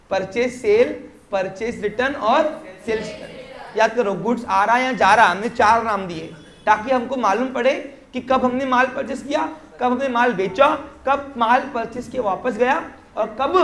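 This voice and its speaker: In a classroom with roomy echo, a man with a very high-pitched, fairly bright voice lectures on commerce. He explains step by step in Hindi sprinkled with English terms, often quizzing students with short check questions.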